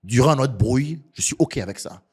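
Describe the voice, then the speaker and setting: A man's voice: medium pitch, expressive, fairly quick, a little mellow, breathy edge. A man from France and Benin, a comedian, telling his story in a casual interview with emphatic, slangy delivery.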